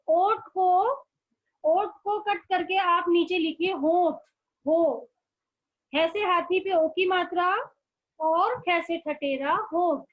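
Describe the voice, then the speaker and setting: A woman's voice: extremely high pitch, highs cut off. A woman schoolteacher giving an online class lesson, speaking patiently and repeating words for young children.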